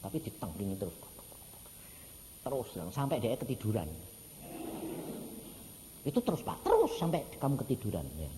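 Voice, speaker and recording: A man preaching a sermon in an animated, storytelling way, acting out the voices of the people in his stories and swinging from loud to soft. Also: medium pitch, normal speed, long pauses, noisy background. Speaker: evangelist preacher. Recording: church hall reverb, faint ambience.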